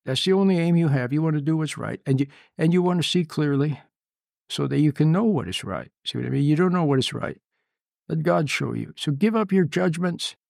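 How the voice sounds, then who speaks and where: A man giving an informal sermon, emphatic and repetitive, often checking in with a quick "See?". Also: fairly high pitch, expressive, creaky, darkish tone, dry recording, studio quality. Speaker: preacher.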